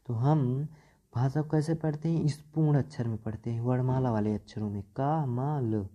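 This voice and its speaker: A man teaching a grammar lesson slowly, breaking words into syllables and pausing to check understanding. His voice is dark and mellow, and the recording sounds dull and lo-fi. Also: medium pitch, fairly even intonation. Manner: slow, repeats syllables and checks "ठीक" often. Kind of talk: Hindi grammar lesson at a board.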